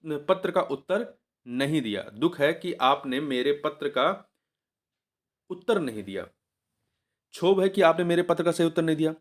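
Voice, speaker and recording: A man's voice: on the high side, darkish tone. A male teacher running through an exam revision lesson in a slightly raised voice. He says each answer again and again, coaxing the listener along. He stops to correct himself partway through a sentence.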